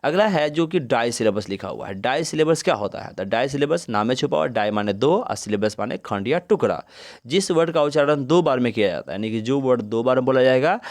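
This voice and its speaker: A man teaching a grammar lesson, who keeps asking questions and answering them himself and stretches words out slowly to sound out their syllables. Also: mid-range voice, animated, darkish tone.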